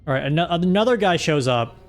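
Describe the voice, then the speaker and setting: A man's voice: on the high side, expressive, quick pace, faint music behind. A man streaming live, recapping a story in a rambling, joking way. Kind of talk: casual live-stream chat.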